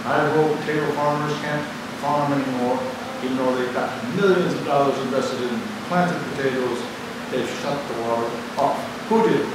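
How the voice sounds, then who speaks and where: An older man, a bishop, preaches a sermon before the altar in a church sanctuary, his medium-pitched, fairly even voice moving at a moderate pace with hardly any pauses. He is dramatic, acting out imagined dialogue and building to fervent exhortation. A distant camera mic captures the echoey church from far off, along with background noise.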